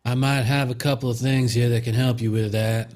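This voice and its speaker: A man's voice: mid-range voice, fairly even intonation, brisk, darkish tone, lightly acted. A man playing a cocky gunslinging stranger in a tabletop game, folksy and mockingly polite. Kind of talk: tabletop role-play in character.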